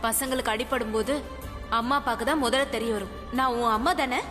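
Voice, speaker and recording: A woman's voice: a little high, steady tone, fairly quick, lightly acted. Brief: woman playing anxious, doting mom in a dubbed soap, echoing space, score underneath. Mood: worried. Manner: anxious, fussing. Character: worried, loving mother. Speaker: mother in a dubbed serial. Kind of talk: dubbed TV serial drama. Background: background music.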